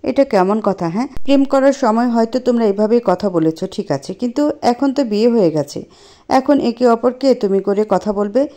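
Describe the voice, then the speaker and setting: A woman's voice: mid-range voice, moderate pace, mellow, close to an everyday voice. A woman voicing a stern, scolding middle-aged mother-in-law in a spoken storybook. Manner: scolding, firm.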